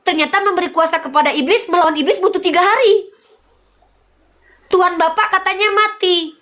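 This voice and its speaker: A woman's voice: extremely high pitch, a little fast, fairly bright tone. A woman arguing in a heated debate, lecturing insistently and pressing the same questions again and again.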